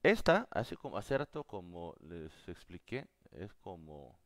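Slow, patient Korean man teaching. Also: low-pitched, sing-song, dry recording. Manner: slow, patient explaining, repeating words several times. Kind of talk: live online language class.

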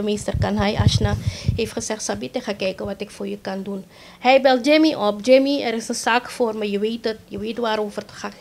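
A middle-aged woman with a Surinamese Dutch accent, telling an interviewer about her own accident in a halting way with many restarts. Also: on the high side, gravelly. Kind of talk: emotional first-person account in an interview.

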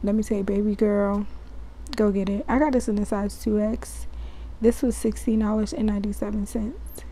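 A young woman, chatting excitedly to her viewers as she shows off her clothing haul. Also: medium pitch, normal speed, slight background noise, rough recording. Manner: chatty, hyped, talks straight to viewers. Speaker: fashion vlogger. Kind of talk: casual haul vlog.

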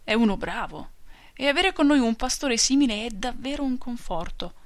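A woman's voice: on the high side, expressive, moderate pace, no room sound, voice pushed up. A woman voicing a timid, pious village man who speaks in a honeyed, sanctimonious way.

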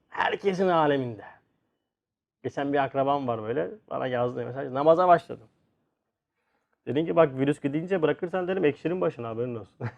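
A man giving a religious lecture, his voice sitting high for a man and lively as he acts out the people in his stories. The recording is dull and lo-fi, with the top end muffled. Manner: animated, acts out quoted voices in a story. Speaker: Islamic religious teacher.

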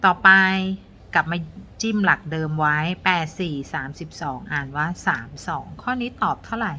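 A woman's voice: sits low, animated, moderate pace, sharp tone, slight background noise. A woman teacher patiently walking young students through a math lesson step by step, counting aloud with polite particles.

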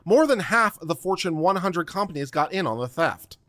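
A middle-aged host of a legal commentary livestream reads a text aloud in a dramatic, emphatic, declamatory style into a desk microphone close to his mouth. His voice sits high and a bit bright with big pitch swings, at a moderate pace. The home studio room is close and dry, with no echo.

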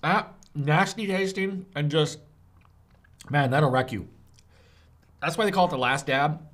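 A man's voice: fairly high pitch, unhurried. A man casually reviewing spicy chicken bites for his vlog, gasping and groaning as his mouth burns from the hot sauce. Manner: animated, groaning and gasping from the heat. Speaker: food reviewer.

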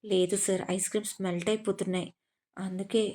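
A woman voicing a timid, playful young woman who speaks softly and meekly in an audio story. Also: medium pitch, flat delivery, fairly quick, natural voice. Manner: soft, meek.

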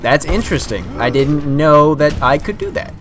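A young man giving casual commentary while playing a video game, playful and prone to theatrical shouted taunts. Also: on the high side, animated, moderate pace, music in the background. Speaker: let's play host.

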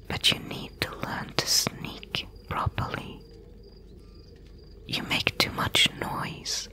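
A woman voicing a wry, bossy thief mentor in a breathy, hushed whispered role-play, giving instructions. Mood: teasing, instructing.

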